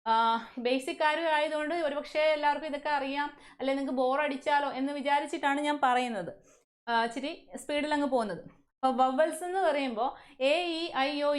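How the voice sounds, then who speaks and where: A woman from Kerala with a Malayali accent teaching an English class, often asking questions and answering them herself. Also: high voice. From Kerala, India. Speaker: English teacher at a coaching centre. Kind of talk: classroom lesson.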